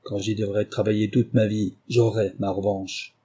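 A man reading aloud, voicing a furious captured male German spy, speaking slowly and bitterly. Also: warm tone, breathy edge, natural voice. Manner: slow, low, deliberate and bitter.

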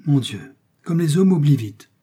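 Man voicing a plaintive middle-aged wife, jealous, sighing, high put-on voice, husky, storybook. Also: moderate pace, warm tone, close to an everyday voice. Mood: coaxing.

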